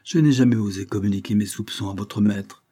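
A man's voice: on the low side, fairly quick, mellow, husky. A man reading an earnest, anxious young woman. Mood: fervent. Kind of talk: audiobook character reading.

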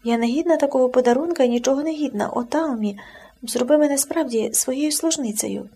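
A woman's voice: high-pitched, a little fast, dark tone, breathy edge. A woman reading as a tearful pleading friend. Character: remorseful young woman begging forgiveness.

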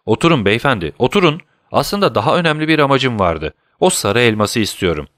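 Sherlock Holmes, alaycı ve soğukkanlı dedektif bir erkeğin sesiyle. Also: male voice, medium pitch, fairly quick, no room sound, studio quality. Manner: calm, teasing, commanding. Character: cool, mocking male detective, middle-aged. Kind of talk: audiobook character voice.

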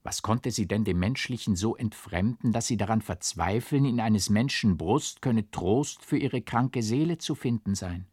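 A man's voice: on the low side, moderate pace, hardly any pauses, darkish tone, slightly rough, no echo, clean studio sound. A man reading the part of an earnest old man in an audiobook, coaxing and pleading, rising to fervent exhortation.

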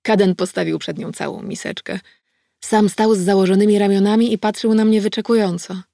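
A woman reading a first-person audiobook in a measured, wry storytelling manner on a close mic. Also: medium pitch, fairly even intonation, vocal fry, warm tone, no echo. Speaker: audiobook narrator.

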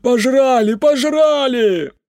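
Casting: hoarse drunk old peasant, weepy and wailing, shrill and loud, dry studio sound. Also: male voice, animated, slow pace, dry recording, exaggerated voice. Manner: wailing, tearful rustic speech.

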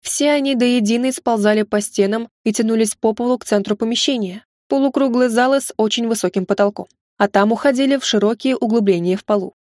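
A woman narrating a first-person fantasy novel in a wry, lively storytelling manner. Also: fairly high pitch, a little fast, no echo, studio quality. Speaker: audiobook narrator.

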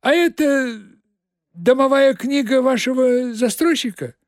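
A man voicing a sly, fussy male demon retainer in a high, brisk, gloating way. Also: no echo, studio quality.

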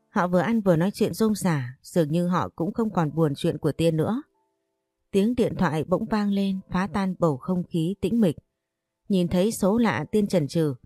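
A woman narrates an audio story in a steady, even storytelling voice. Her tone is low and mellow, and the recording is close and dry. Faint music plays behind her. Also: no room sound.

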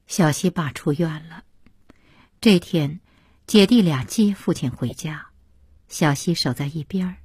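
Woman narrator, audiobook reading, soft, intimate, mellow dark voice, slow pace. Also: fairly low pitch, slightly rough, dry recording, studio quality.

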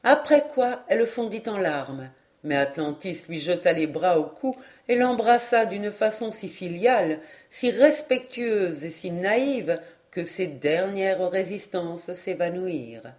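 A woman reading an audiobook aloud in an even, measured storytelling manner. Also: fairly low pitch. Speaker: audiobook reader. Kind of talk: audiobook narration. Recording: faint background music. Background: faint music.

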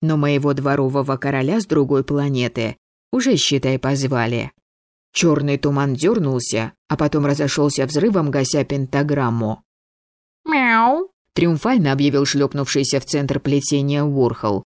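A woman's voice: rumbling low, normal speed, a little mellow, no echo, clean studio sound. Woman reading a wry fantasy audiobook. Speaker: audiobook narrator. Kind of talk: first-person fantasy audiobook narration.

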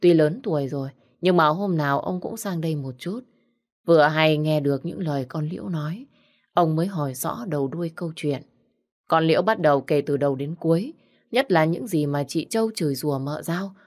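A woman narrating a storybook tale. Her voice sits low, and she reads in a steady, even manner. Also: a little fast.

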